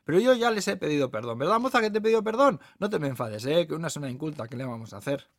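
A man's voice: a little high, lively intonation, very fast, dry recording, clean studio sound, pitched above the performer's own voice. A man voicing a nosy, know-it-all older woman diner with a Peninsular Spanish accent, teasing and bossy.

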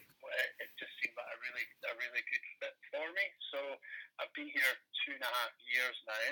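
Guy on speakerphone being interviewed, really bright thin sound, laid back, kinda repeats himself. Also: mid-range voice, normal speed, poor audio. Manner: relaxed, repeats words as he thinks. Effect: heard over a phone on speakerphone. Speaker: interview guest, sports performance head. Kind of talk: casual phone interview.

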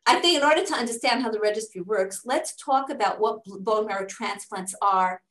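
In an interview, a charity fundraising director describes her organization's work: she is a middle-aged native English speaker based in Israel, answering earnestly and step by step while often restarting. She talks fairly quickly in a mid-range, slightly bright voice, and the room is echoey.

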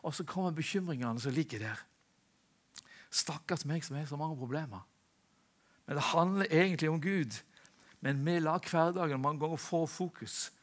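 Male preacher, sermon, earnest, rhetorical questions, fairly high voice. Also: pauses often.

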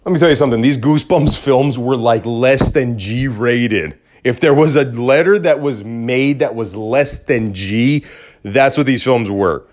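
A man hosting a podcast, talking in a rambling, joking casual monologue with big swings in pitch. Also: a little slow, a little mellow. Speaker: podcast host.

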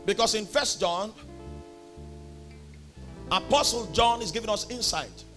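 A young Nigerian man with a Nigerian accent preaching a sermon, emphatic, with loud bursts on key words. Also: high-pitched, measured pace, faint music behind. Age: young adult.

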